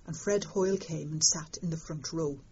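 An older woman, telling stories in an interview in a lively, wry way. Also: deep voice, normal speed, a little hiss or hum. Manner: lively storytelling, fond of understatement. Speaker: interviewed astronomer. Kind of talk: conversational interview. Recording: dull lo-fi sound.

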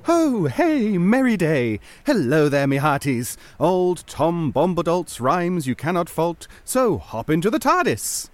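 A man's voice: fairly high pitch, sing-song, measured pace, hardly any pauses. A man playing a jolly, boastful woodland eccentric with a hearty, sing-song delivery in an amateur comic pantomime.

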